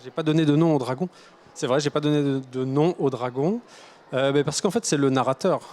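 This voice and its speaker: A man's voice: on the high side, a little fast, a little mellow. Hesitant, thoughtful male author. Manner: hesitant, many restarts and fillers, thoughtful. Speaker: author guest. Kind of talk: casual interview answers.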